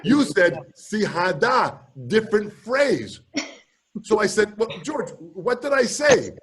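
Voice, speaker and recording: Older male storyteller, high and husky, very animated, shouts out quoted lines. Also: slow pace. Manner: lively storyteller who shouts out quoted lines and mimics voices. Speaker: drum teacher telling stories. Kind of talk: animated storytelling on a group video call. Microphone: video call.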